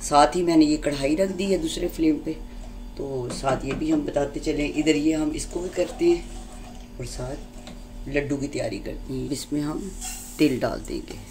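A woman hosting a home cooking demonstration, explaining each step calmly and patiently. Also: sits low, unhurried, slight background noise. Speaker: cooking channel host. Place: home kitchen.

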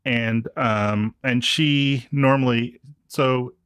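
A man's voice: medium pitch, fairly even intonation, very slow, fairly bright tone, smooth, dry recording, studio quality. A man in his forties co-hosting a podcast, chatting casually about a book in a wry, rambling way that keeps interrupting itself. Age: 40s. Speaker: podcast co-host.

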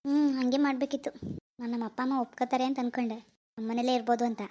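A woman voicing an easygoing young village husband in a cartoon, talking fast and chatty. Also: on the high side, fairly even intonation, dark tone, slight background noise, close to an everyday voice. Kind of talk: cartoon voice acting.

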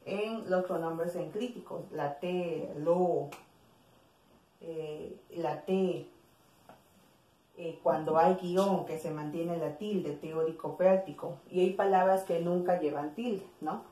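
A woman's voice: fairly low pitch, steady tone, takes it slowly, mellow, roomy sound, low-quality recording. A woman teacher, patiently walking through grammar exercises in a recorded lesson and repeating the examples aloud. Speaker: primary school teacher.

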